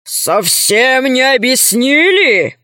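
A woman doing a slow, booming, mocking general. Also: very animated, pushed and bright, dry recording, clean studio sound, heavily acted. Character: masked male tyrant general, slow and mocking. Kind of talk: audiobook character voice.

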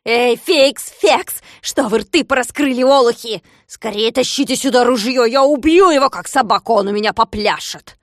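A woman reads a storybook scene as a bald, wealthy male landowner in a shrieking fury, hurling bossy insults and screeched orders in a rant. Her delivery is medium in pitch, steady in tone, moderate in pace, and lightly acted with hardly any pauses. It's studio quality with no room sound.

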